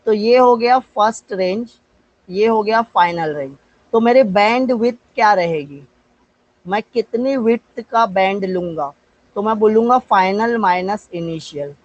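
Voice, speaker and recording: An Indian physics teacher with an Indian accent and a high-sitting voice leads a live online class. He asks himself questions and answers them, slows down for dictating English definitions, and calls on students by name. The recording is dry and dull.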